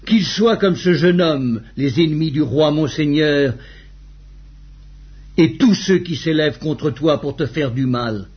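A man reading the formal lines of a dutiful male servant bringing news, in a husky voice. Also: on the high side, unhurried. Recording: dull lo-fi recording.

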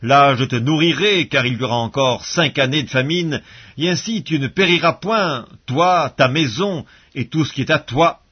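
A man reading the part of a forgiving grown ruler speaking earnestly to his brothers, in a husky voice, in a bible reading. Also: on the high side, normal speed, muffled recording.

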